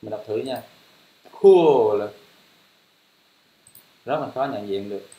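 A man's voice: fairly low pitch, fast talker, a little mellow, highs cut off. A man teaching English pronunciation, repeating each word several times in a patient, encouraging way. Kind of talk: language lesson, drilling words. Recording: roomy echo.

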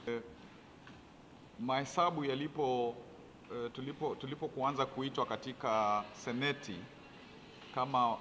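A man explaining county accounts at a press briefing, pausing with fillers as he goes. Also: mid-range voice, fairly even intonation. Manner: bright, forceful, with hesitant fillers. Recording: reverberant hall, faint background noise.

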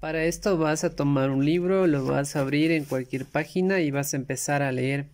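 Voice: medium pitch, darkish tone. Patient teacher explaining a study method. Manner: explains step by step, sounds out English words slowly. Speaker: English teacher. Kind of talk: casual instructional explanation.

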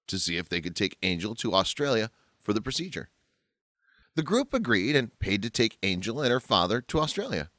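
A man narrates a scripted story with a lowish voice that rises and falls a lot. The recording is close and dry, with no room sound. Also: a bit bright, dry recording.

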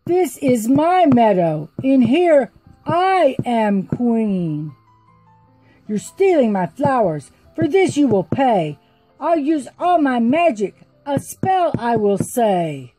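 A woman's voice: fairly high pitch, very animated, slow pace, warm tone, breathy edge, no echo, faint music behind, voice pushed up, heavily acted, poor audio. A woman voicing a grumpy, mean old witch in a storybook, chanting rhyming spells.

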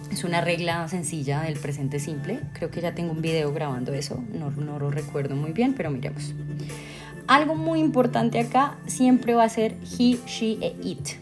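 A Colombian woman with a Colombian Spanish accent teaches grammar in a video lesson, her voice sitting a little low for a woman. She explains patiently and often stops to correct herself or check in with her students. Faint music plays underneath. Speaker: English teacher.

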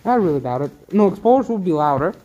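This is a fast-talking young man with a high, sing-song voice, heard over a noisy background with the highs cut off. He's filming on a handheld camera while walking through a big abandoned factory, chatting casually and describing what he sees.

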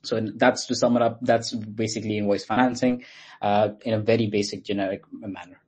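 A man's voice: lowish voice, fairly even intonation, fairly quick, darkish tone, husky. A man from Pakistan, a guest in an online interview, explaining things patiently with many fillers. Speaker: guest explaining his company. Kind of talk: interview answers.

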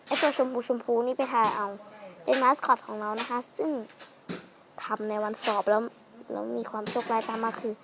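A woman's voice: on the high side, fairly even intonation, a little fast, noisy background. A young woman casually chatting while playing a computer game, rambling playfully into a headset mic close to her mouth. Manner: rambling, playful, polite sentence endings. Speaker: game channel host. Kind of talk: casual chatty gameplay commentary.

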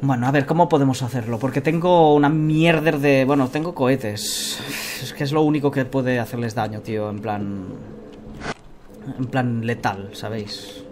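This gaming commentator speaks at normal speed in a steady, medium-pitched voice. He's a man in his thirties with an accent from Spain, hosting a let's play from an indoor room at a computer on webcam, muttering casually and colloquially to himself and viewers over noisy game sound.

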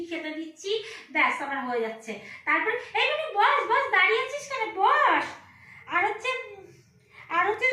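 A woman vlogger chatting casually with her viewers, animated and teasing. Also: very high-pitched, roomy sound. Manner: animated, scolding and teasing by turns. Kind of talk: casual vlog chat addressed to viewers.

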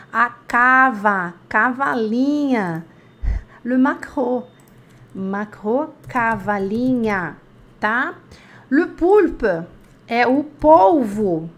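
Chatty high-voiced woman teaching a class. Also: fairly bright tone. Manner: chatty, repeats words slowly, asks the class questions. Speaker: French teacher. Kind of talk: live online lesson.

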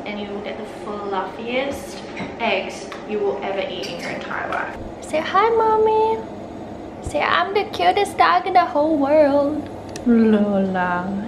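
A woman's voice: mid-range voice, very noisy. A young woman, chatting casually and gushing in a reading vlog, full of "like" fillers. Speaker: book vlogger.

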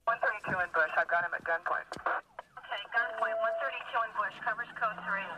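A man's voice: high-pitched, fairly quick. Terse man over a crackly police radio. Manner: terse, clipped radio codes. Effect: police radio transmission. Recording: distant noisy police radio.

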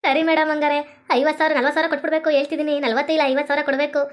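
A woman's voice: sits high, little pitch movement, rapid-fire, natural voice. A woman playing a greedy female broker with a North Karnataka accent, insistently bargaining for money. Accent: North Karnataka Kannada.

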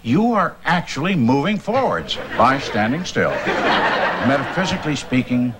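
A man's voice: medium pitch, big pitch swings, normal speed, very noisy, natural voice. An actor playing a smug, scheming company boss who talks down to his employee in a sitcom. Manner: glib, patronizing. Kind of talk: sitcom acting.

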